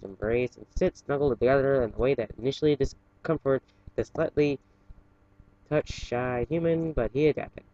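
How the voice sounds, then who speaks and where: This dull, lo-fi home recording features a man casually reading a story aloud as an amateur fan fiction reader for an online channel, stumbling over words now and then. His voice is medium-pitched and mellow, with no room sound.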